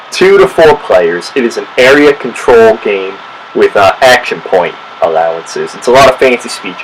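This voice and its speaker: A man hosting a casual board game review, chatty and relaxed, correcting himself as he goes. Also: mid-range voice, a little hiss or hum, low-quality recording.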